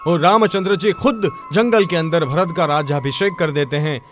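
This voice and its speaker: Brief: male monk preacher, high voice, expressive storytelling sermon. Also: normal speed, over music. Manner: expressive, switching into acted voices.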